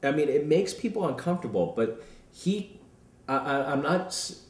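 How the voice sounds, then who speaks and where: A man's voice: fairly high pitch, expressive, moderate pace. A man, a comedian, talking earnestly as the guest in a casual interview, with a habit of repeating words when he gets keen. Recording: roomy sound from a distant mic.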